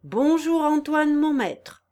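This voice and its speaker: A woman reading aloud plays a jovial carpenter, boisterous and affectionate with everyone. The voice is rather high for the part and moves lively up and down. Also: takes it slowly. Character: jovial hearty male carpenter.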